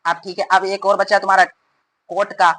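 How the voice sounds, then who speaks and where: Fast-talking male math teacher. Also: sits high, little pitch movement, pushed and bright, poor audio. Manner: rapid, repetitive, addresses students as beta. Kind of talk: fast classroom explanation.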